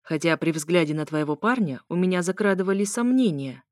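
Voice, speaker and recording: A woman's voice: fairly low pitch, animated, brisk, a little mellow, no room sound, studio quality, natural voice. Woman reading a smug, mocking ex-husband. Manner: stern, sarcastic.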